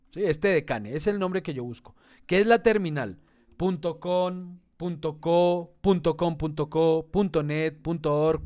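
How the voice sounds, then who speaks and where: A man's voice: fairly high pitch, darkish tone. A man who teaches an online class. He explains step by step and keeps checking in with his students. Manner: explanatory, talks to students, asks "¿sí?" and "¿no?" often. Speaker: instructor.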